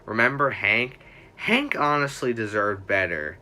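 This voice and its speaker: A young man talks casually as he hosts a livestream, rambling along and correcting himself as he goes. His voice sits a little low but sounds bright and forceful. Faint noise hums behind him. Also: animated, unhurried. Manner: rambling, self-correcting, chatty fan talk. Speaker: livestream host.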